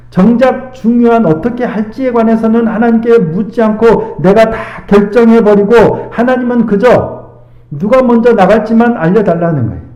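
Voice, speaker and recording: A male pastor giving a midweek sermon, earnest, asking rhetorical questions and reading scripture slowly. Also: high voice, warm tone. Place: church sanctuary. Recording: echoey church hall, dull lo-fi sound.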